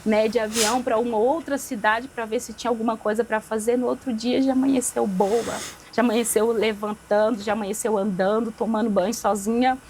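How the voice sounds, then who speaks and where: A woman's voice: fairly high pitch, steady tone, fairly quick, hardly any pauses, darkish tone, a little hiss or hum, poor audio. A young woman giving a religious testimony as a podcast guest, repeating phrases for emphasis and acting out the dialogue she recalls.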